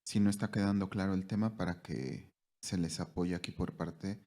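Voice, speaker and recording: A man's voice: deep voice, fairly even intonation, moderate pace, dark tone. A man with a Mexican accent moderating an online class, politely relaying comments from the chat to the teacher.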